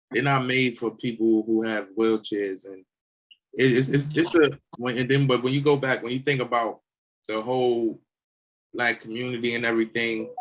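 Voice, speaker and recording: A young man hosting an easygoing interview, his voice in a middle pitch. He talks loosely and conversationally, often restarting and repeating words as he works out his point. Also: a bit bright. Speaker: host. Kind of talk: casual interview chat.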